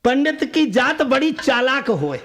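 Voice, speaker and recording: High-voiced rustic male folk storyteller. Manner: lively dialect narration, breaking into drawn-out song. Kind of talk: rural folk tale telling with sung refrains.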